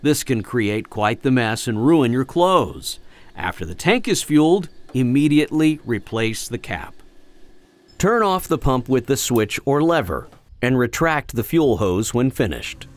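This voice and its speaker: A man reading a scripted flight-training voice-over in a clear, instructive, measured way. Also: mid-range voice, sing-song.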